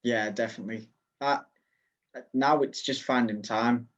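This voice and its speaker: A man's voice: mid-range voice, fairly even intonation, a little slow. A man with an English accent, a podcast guest giving short, laid-back replies over a video call. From England. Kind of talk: casual chat. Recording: dull video call audio.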